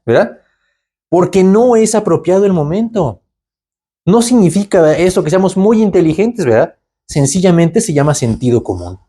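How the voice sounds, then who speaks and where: A man's voice: sits high, mellow. A man teaching the Bible conversationally, asking rhetorical questions and tagging lines with "¿verdad?". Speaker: preacher.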